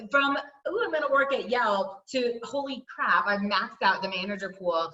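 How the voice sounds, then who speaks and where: A woman hosting a team call in a casual, emphatic network marketing recruiter pitch, chatty and full of rhetorical questions. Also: sharp tone, roomy sound, dull audio.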